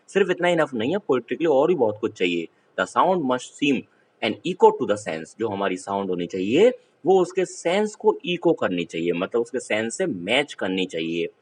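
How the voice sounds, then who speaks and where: A man teaching a school poetry lesson, reading English verse slowly and then explaining it in a relaxed explanatory way. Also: medium pitch, low-quality recording.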